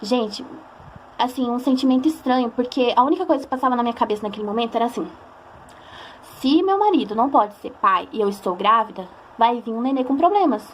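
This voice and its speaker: Brief: young Brazilian woman, emotional confessional vlog, quick delivery, faint hum behind. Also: fairly high pitch, lively intonation. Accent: Brazilian Portuguese. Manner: chatty, emotional, acts out quoted voices. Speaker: vlogger. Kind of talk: personal storytelling to camera.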